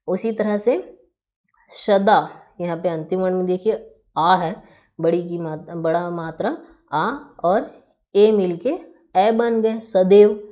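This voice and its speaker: Woman, grammar teacher, very slow, patient, asks and answers herself, muffled recording. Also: mid-range voice, darkish tone. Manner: patient, asks and answers her own questions. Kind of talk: explaining a grammar lesson. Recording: dull lo-fi recording.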